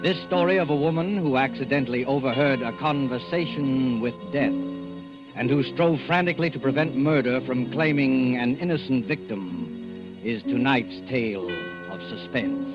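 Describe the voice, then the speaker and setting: An actor playing a sinister, solemn mystery host in the ominous, formal style of 1940s radio. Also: male voice, medium pitch, normal speed, highs cut off, close to an everyday voice. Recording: band-limited 1940s radio recording, music behind. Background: dramatic music.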